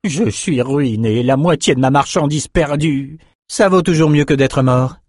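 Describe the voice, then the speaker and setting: A man's voice: fairly high pitch, little pitch movement, moderate pace, a little mellow, no echo, studio quality, voice pushed up, close to an everyday voice. A man voicing a whiny, self-pitying male merchant. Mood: whining. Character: whining overdressed male merchant.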